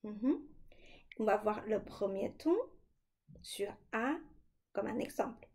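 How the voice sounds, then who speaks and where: A woman teaching children a language lesson, slowly and clearly demonstrating sounds. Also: mid-range voice, expressive, a little mellow.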